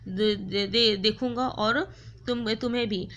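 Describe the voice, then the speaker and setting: A woman voicing a hot-tempered young village man who makes angry demands, bright-toned as she reads his lines. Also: mid-range voice, steady tone, slow pace, a little hiss or hum. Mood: quarrelsome.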